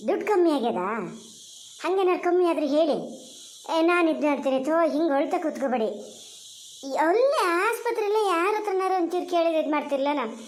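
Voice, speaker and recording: Actor voicing a brisk, bossy village auntie in a cartoon. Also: very high voice, animated. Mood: bossy kindness. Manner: brisk, loud, coaxing and scolding chatter. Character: bustling, kind-hearted village woman, talkative helper. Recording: echoey room.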